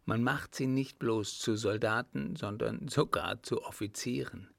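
A man voicing a calm, composed servant and former soldier who answers with quiet mockery in an audiobook reading. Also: medium pitch, unhurried, vocal fry, no room sound. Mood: cool mocking. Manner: calm, composed, faintly mocking. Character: cool-headed male ex-soldier servant, calm and mocking.

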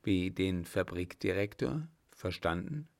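Audiobook role: a man playing a cool, unflappable hunchbacked scholar, slow and gravelly. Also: sits low, lively intonation, darkish tone, heavily acted. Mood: calm. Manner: cool, polite, measured.

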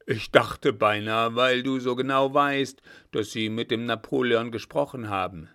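A man voicing a blustering, gruff old field marshal who bellows brusquely. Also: mid-range voice, unhurried, bright, forceful tone.

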